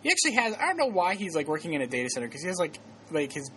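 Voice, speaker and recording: A man hosting a podcast tells a story in a loose, rambling way, stopping and restarting and laughing as he goes. His voice swings widely in pitch. A steady hiss of noise sits under the recording. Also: racing. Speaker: podcast host. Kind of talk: casual podcast chat.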